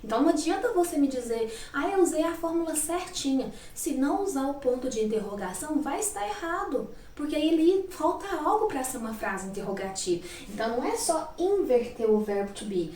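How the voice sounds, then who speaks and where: A high-pitched Brazilian woman teaches a relaxed grammar class in a chatty way, tagging her sentences with quick checks to her students. Her voice comes from a little way off the mic. The room is echoey, with faint noise behind her. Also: far from the mic. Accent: Brazilian Portuguese. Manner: chatty, checks in with frequent tag questions. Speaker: English teacher. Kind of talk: casual classroom-style grammar lesson.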